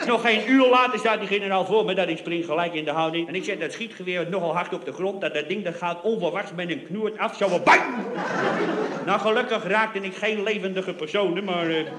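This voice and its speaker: Man, comic monologue, high voice, echoey stage, loud audience noise behind. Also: brisk, few pauses. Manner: storytelling to a laughing audience, switching between booming and muttering voices. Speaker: comedian. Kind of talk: comic monologue with acted quotes. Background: audience laughter.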